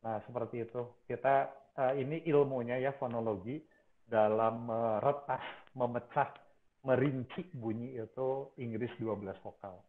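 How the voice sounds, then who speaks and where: A man's voice: medium pitch, fairly even intonation, a little slow. A male university lecturer, explaining phonology and repeating example words over and over. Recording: tinny phone-like sound.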